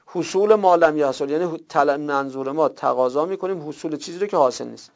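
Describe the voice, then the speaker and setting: A man teaching a grammar lesson in a slow, deliberate way, checking his students with rhetorical questions. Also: fairly high pitch. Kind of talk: classroom grammar lecture. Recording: dull lo-fi recording.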